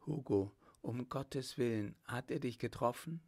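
A man voicing an anxious, devoted young woman who speaks softly and pleadingly. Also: mid-range voice, a little slow, vocal fry.

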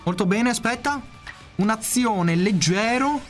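Excitable swearing gamer man. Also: unhurried, faint music behind. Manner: excitable, swears often, yelps in sudden high outbursts. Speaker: gamer commentating his own play. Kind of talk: casual let's-play commentary.

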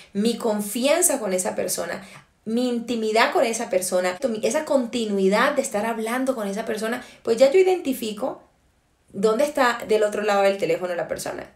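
A woman giving an early-morning devotional sermon, preaching earnestly and emphatically with slow, stressed phrases and rhetorical questions. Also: a little high, expressive, echoey room.

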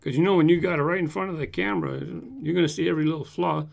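This toy car collector host, a man in his fifties from Southern California, races through viewer comments in a voice on the high side with vocal fry. He chats animatedly, gesturing and holding up toy cars, seated at a large desk condenser mic in a home room full of toy car shelves.

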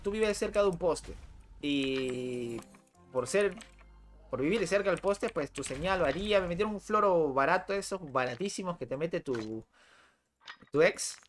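A man talks over a live game stream, chatty and animated. He fires rhetorical questions at his viewers. His pitch rises and falls a lot, with a lively, bouncing delivery. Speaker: gaming streamer. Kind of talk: live gameplay chat with a rant to viewers.

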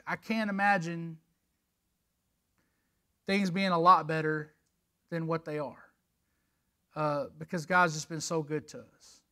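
Middle-aged guy, church lesson, high bright voice, earnest and kinda emotional, lots of restarts. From Texas. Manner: earnest, emotional, personal storytelling with many restarts. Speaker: church leader giving a lesson.

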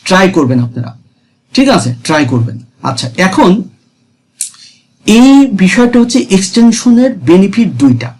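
A man's voice: sits high, sing-song, moderate pace, long pauses, a little mellow. A man giving a casual screen tutorial, chatty and repetitive, often checking in with viewers. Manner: chatty, repeats himself, asks viewers "ঠিক আছে?". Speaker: freelancing tutor.

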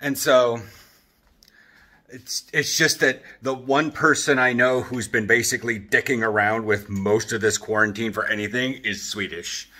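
Holding his phone at arm's length in an open-plan apartment living room and kitchen, a thirtysomething vlogger rambles casually with an animated, joking manner and acts out quotes. He talks at normal speed in a medium pitch.

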